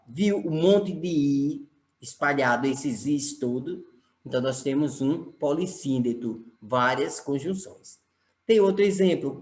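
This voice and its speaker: A Brazilian man teaches a lesson on camera, spelling words out letter by letter and checking in with the class. His voice sits on the higher side for a man. The room around him adds a noticeable echo. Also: darkish tone. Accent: Brazilian Portuguese. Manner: explanatory, spells words out, checks understanding with "correto?". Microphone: camera mic. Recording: echoey room.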